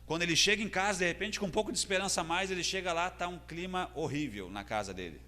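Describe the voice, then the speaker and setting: A man's voice: high-pitched, expressive, fast, bright, forceful tone. A man with a Brazilian Portuguese accent preaching a sermon as pastor, earnest and building in intensity. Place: church hall. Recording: long church hall reverb.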